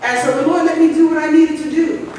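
A woman's voice: high voice, fairly even intonation, fairly quick, darkish tone, far from the mic. An older woman pastor preaching a sermon from a church pulpit, telling personal stories in a conversational way with asides to the congregation. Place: large church sanctuary, at a pulpit. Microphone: pulpit microphone, far camera. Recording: echoey church hall from afar.

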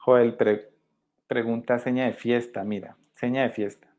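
A man's voice: mid-range voice, little pitch movement, measured pace, a little mellow. Man teaching with constant "¿sí?" checks. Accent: Colombian Spanish. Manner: explanatory, frequent checking "¿sí?". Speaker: sign language teacher. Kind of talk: live-streamed virtual workshop. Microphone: webcam.

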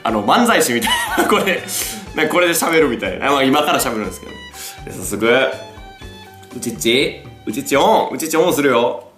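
A chatty man speaks in Kansai dialect with a lively, bouncing pitch, playful and quick to laugh. The room is echoey, with faint music in the background. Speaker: vlogger. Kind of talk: casual product showcase vlog.

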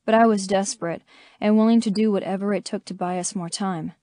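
Female audiobook narrator, steady first-person read, dry studio sound. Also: mid-range voice, a little fast, dry recording.

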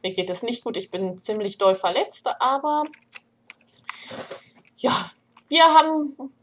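A young woman hosting a let's play, commenting casually and shouting in panic when things get scary. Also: on the high side, slow, slight background noise. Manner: excitable, panicky shouting during scares.

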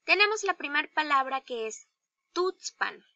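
A woman teacher with a Mexican Spanish accent, giving a slow, deliberate grammar lesson to young children and asking them questions. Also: high voice, big pitch swings, sharp tone, dry recording, dull audio. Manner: slow, deliberate, spells out each example; addresses pupils directly with questions. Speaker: primary school teacher.

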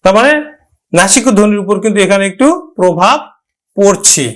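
Man, teacher, high-pitched, explaining step by step, drawn-out repeated example words. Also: a bit bright. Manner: addresses students directly, explaining step by step. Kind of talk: Bengali grammar lesson.

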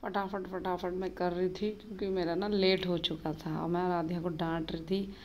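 A woman in her thirties, a mother, narrating her busy morning in a casual daily vlog, chatty and hurried. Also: on the low side, flat delivery, darkish tone, dull audio, a little hiss or hum. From Uttarakhand, India. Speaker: vlogger, mother of two.

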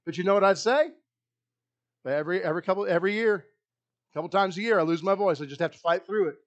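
Holding a handheld mic and pacing the stage, a middle-aged Kentucky pastor preaches an animated sermon in a small church hall, captured by a far-off wide camera. He talks quickly in a voice that sits high, frequently repeating his words.

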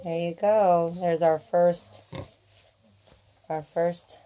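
A woman chatting casually as she films her family farm outdoors on a handheld phone, gentle with the animals. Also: on the low side, fairly even intonation, extremely slow, a little hiss or hum. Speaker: homesteader filming family farm. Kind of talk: casual narrated farm vlog. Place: outdoors on a farm, in a small livestock shelter.

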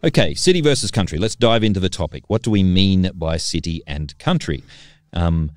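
Low-voiced man hosting. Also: animated, moderate pace, no room sound, soft background music. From Australia. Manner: friendly, with frequent ums and uhs. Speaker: podcast host. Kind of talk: casual podcast chat.

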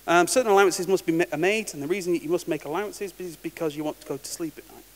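A man's voice: on the high side, fast. Wry man giving a conference talk. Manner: casual and wry, restarts words. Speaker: conference speaker. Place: large conference hall. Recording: reverberant hall with faint hiss.

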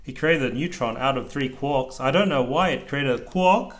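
Reading a kids' storybook as a parent might, this man speaks at a medium pitch. He keeps a deliberate, sing-song rhythm and drops in offhand asides.

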